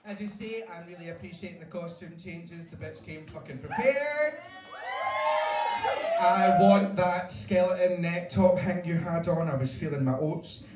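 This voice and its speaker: A Scottish man with a high voice gives a stage critique as a judge. He is blunt, jokey and sweary, heard at some distance in an echoey venue. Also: unhurried, loud music behind the voice, a loud crowd. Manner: blunt, joking, sweary judging. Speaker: judge at a drag competition. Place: roomy live venue with audience.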